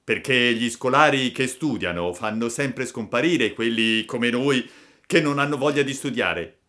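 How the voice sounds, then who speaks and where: A man's voice: mid-range voice, measured pace, sharp tone, pitched above the performer's own voice. A man voicing a gang of bullying schoolboys in a storybook reading, taunting and threatening.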